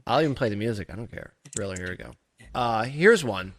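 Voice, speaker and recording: A man's voice: on the low side, lively intonation, a little fast. A man co-hosting a live comedy stream, rambling and chuckling as he reads odd news aloud. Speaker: podcast co-host. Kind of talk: casual live-stream chat.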